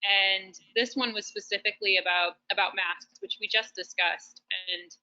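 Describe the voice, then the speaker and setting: Bright-voiced woman on a dull call. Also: medium pitch, fairly even intonation, moderate pace. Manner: casual, frequent fillers and restarts. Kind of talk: casual webinar chat. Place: shared roasting facility.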